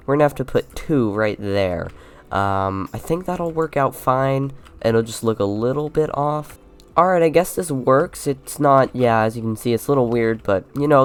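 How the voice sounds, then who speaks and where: A young man with a congested, slightly sick voice, giving relaxed, rambling commentary on his Minecraft building. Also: medium pitch, smooth. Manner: relaxed and rambling, with many fillers. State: congested from a low fever. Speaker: Minecraft YouTuber. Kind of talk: casual gameplay commentary.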